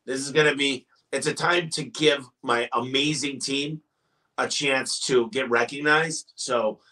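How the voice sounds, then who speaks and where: Forceful, emphatic motivational businessman. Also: medium pitch, steady tone, unhurried, distant mic. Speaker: business owner guest. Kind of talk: podcast interview.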